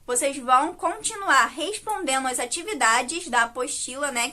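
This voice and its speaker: A woman's voice: high voice, pushed and bright. A Brazilian Portuguese-speaking woman teacher giving a recorded video lesson, explaining patiently and checking in with frequent tag questions.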